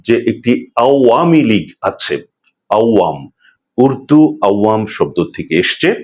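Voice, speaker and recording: A man giving a pronunciation lesson, speaking in a measured way and slowing down to model each word. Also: fairly low pitch, darkish tone, highs cut off. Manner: measured, deliberate, slows down to model correct pronunciation. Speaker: pronunciation teacher. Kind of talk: instructional talk to camera.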